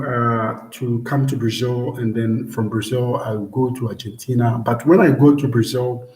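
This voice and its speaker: A man's voice: mid-range voice, a little mellow. A young Ghanaian man vlogging from home and answering viewers in a live stream, in an easygoing way with repeated words and many fillers. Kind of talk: casual live-stream chat. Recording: echoey room.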